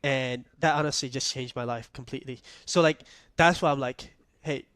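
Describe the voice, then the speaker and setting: A young man from Malaysia, hosting a podcast, telling a story in a relaxed way and asking "right?" often. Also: medium pitch, normal speed, dry recording. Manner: storytelling, laid-back, peppered with "like" and "right?". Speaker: podcast host. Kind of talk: casual podcast chat.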